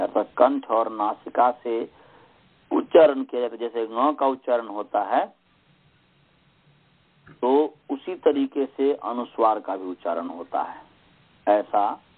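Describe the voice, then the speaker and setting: A man teaching a Sanskrit grammar lesson, patient and slow, repeating sounds to drill pronunciation. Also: medium pitch, husky. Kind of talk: slow online lesson with chanting. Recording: tinny phone-line audio.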